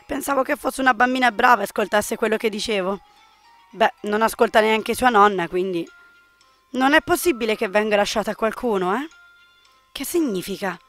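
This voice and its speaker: A woman's voice: mid-range voice, moderate pace, fairly bright tone, faint music behind. A woman hosting a gameplay channel, making amused, chatty asides while she plays. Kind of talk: casual gameplay commentary.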